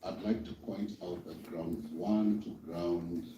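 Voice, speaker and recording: Low-voiced Kenyan lawyer in echoey chamber. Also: male voice, steady tone, warm tone. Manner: deliberate, rhetorical, in short emphatic phrases. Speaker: lawyer addressing an assembly as lead counsel. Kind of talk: formal legal argument. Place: legislative assembly chamber. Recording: echoey chamber, distant mic, clear background noise.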